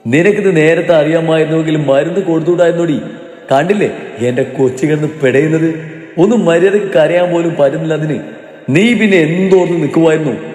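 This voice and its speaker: A man voicing a young man who is fiercely protective, tender and volatile, speaking in a mellow voice in a roomy, echoing space. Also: fairly low pitch, measured pace, long pauses, soft background music, close to an everyday voice. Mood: angry. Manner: soothing then pleading and shouting. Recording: roomy reverberant room.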